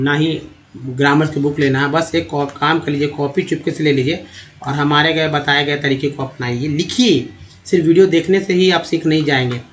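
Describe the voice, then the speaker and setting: A man teaching a slide-based language lesson as a voice-over, slowly spelling words out letter by letter and calling his viewers friends. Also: a little high, a little hiss or hum. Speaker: English teacher.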